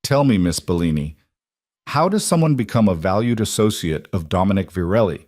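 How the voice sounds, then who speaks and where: Smug senator in an audiobook thriller, low and smooth, mocking, read by the narrator. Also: male voice, animated, a little fast, darkish tone, no echo, studio quality. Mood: predatory. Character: smug, predatory older male senator.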